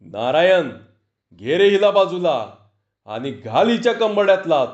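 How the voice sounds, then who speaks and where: A man voicing a gruff, bullying middle-aged police officer who scolds in rough rustic speech, in a storytelling reading. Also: high voice, very animated, unhurried. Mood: harsh scolding. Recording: dull lo-fi recording.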